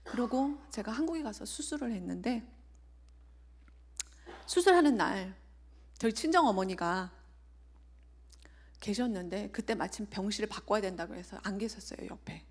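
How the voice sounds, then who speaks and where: A woman's voice: medium pitch, normal speed, pauses often, breathy edge. A woman in her forties, an evangelist, preaching and sharing a personal testimony in an earnest way, often sinking to a near whisper.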